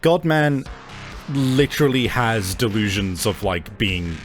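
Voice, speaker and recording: Slow, lively-toned game master. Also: male voice, fairly low pitch, music in the background. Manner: casual, swears often, many fillers. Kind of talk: narrating a tabletop game.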